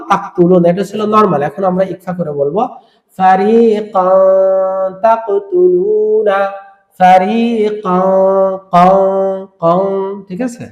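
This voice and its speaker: A man teaching tajweed recitation for children, spelling out words and then drawing them out slowly with repetition. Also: sits high. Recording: echoey room.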